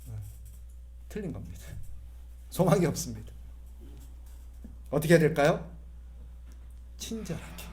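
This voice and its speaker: A middle-aged male pastor with a fairly high, slightly mellow voice delivers a humorous sermon, imitating voices and getting the congregation to repeat phrases after him.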